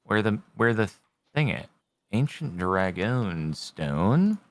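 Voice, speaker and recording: Male gaming streamer, casual and expressive pitch, muses aloud, very dry recording. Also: slow, dry recording. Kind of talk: casual game commentary.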